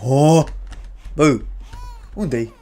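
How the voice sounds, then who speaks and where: A gaming creator, giving crude, joking let's-play commentary on a horror game, with sudden loud yells. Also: medium pitch. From Romania.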